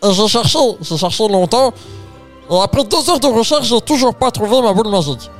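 Man, high voice, rambling, playful storyteller, faint music. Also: lively intonation, a little fast. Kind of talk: improvised comic storytelling.

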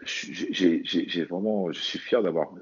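A bodybuilder and athlete from French Guiana gives casual, earnest testimony about his own life as an interview guest, often saying words twice. He's low-pitched and slightly rough, taking an unhurried pace. The recording is muffled.

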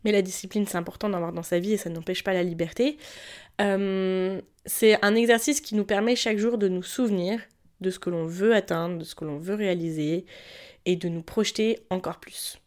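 A woman talks solo on a podcast in a mid-pitched voice made thick by swollen tonsils and a throat infection. She speaks informally and directly to her listeners, urging them on in a motivational way. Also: fairly even intonation, brisk. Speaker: podcast host. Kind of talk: casual solo podcast talk.

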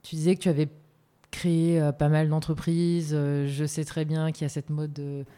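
French woman interviewer, mellow and low, chatty probing questions. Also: level tone, moderate pace. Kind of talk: casual interview.

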